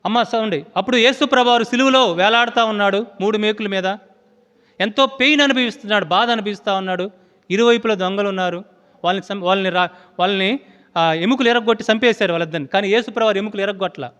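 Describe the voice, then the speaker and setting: A man's voice: sits high, fast talker, fairly bright tone, clear, resonant tone. A man preaching a sermon as pastor, often putting questions to his congregation and restarting phrases as he goes. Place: church hall. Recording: long hall reverb.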